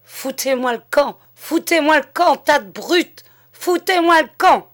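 A woman reading aloud voices a gruff, tearful village mayor who stammers through sobs and bursts into rage. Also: on the low side, fairly even intonation, a little slow. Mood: furious shouting. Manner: sobbing and stammering, then bellowing in rage.

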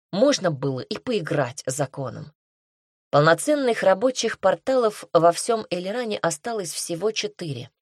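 A woman reads a fantasy novel aloud in a calm, even storytelling voice. Her pitch sits on the low side and the recording is dry and close, with no room sound. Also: no echo. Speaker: audiobook narrator. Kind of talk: audiobook narration.

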